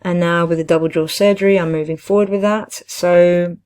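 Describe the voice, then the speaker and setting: A woman chatting casually and giving personal advice, in a hesitant, halting way with frequent self-corrections. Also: on the low side, fairly even intonation, a little mellow, clear, resonant tone. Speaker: vlogger, teaching assistant.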